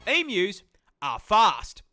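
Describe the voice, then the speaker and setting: A man's voice: high-pitched, huge pitch swings, slow pace, over music. An Australian man giving scripted comedic narration in an exaggerated, incredulous, sweary manner.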